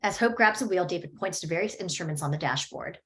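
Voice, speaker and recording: This woman reads a screenplay's stage directions aloud during a table read, keeping things steady and matter-of-fact. She has a lowish voice and talks fast.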